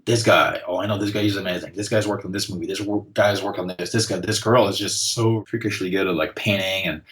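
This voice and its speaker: A guest artist in his forties chats casually on a podcast, relaxed and rambling with lots of fillers. He talks quickly in a low-pitched voice.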